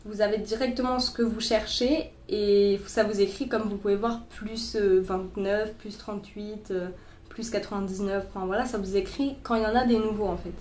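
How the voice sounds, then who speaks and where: Recorded on her boyfriend's phone, this young sewing vlogger talks through her tutorial casually, with lots of fillers and restarts and a slightly stuffy, cold-affected voice. Her tone is steady, medium-pitched and a little mellow at normal speed, in a roomy space with slight background noise.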